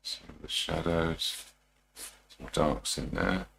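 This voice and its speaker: A man talking through a live demonstration as a painting instructor, informal and unhurried, muttering his thoughts to himself as he works. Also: deep voice, steady tone, gravelly, a bit bright, a little hiss or hum. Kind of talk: TV painting instructor style, musing aloud while demonstrating.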